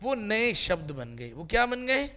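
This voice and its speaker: High, bright-voiced teacher. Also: male voice, unhurried. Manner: lively, drills students with repeated questions, playful. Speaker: English teacher. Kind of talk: classroom lesson with questions to students.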